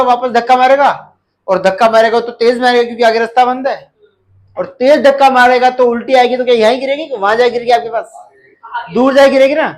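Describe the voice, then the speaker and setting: A man's voice: extremely high pitch, poor audio. A man teaching a live class, lecturing and asking the students questions again and again. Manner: asks the class questions and repeats key terms. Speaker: nursing exam teacher.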